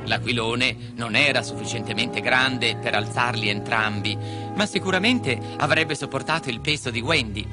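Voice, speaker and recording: A man's voice: medium pitch, moderate pace. A man narrating a children's story expressively, slipping into voices for the characters. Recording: music behind the voice.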